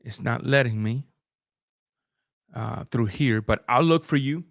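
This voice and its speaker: A gravelly, medium-pitched voice at a measured pace belongs to a middle-aged, native Spanish-speaking boxing channel host. He gives live-stream commentary and reads super chats in conversational talk with restarts and fillers. The audio is studio quality without room sound.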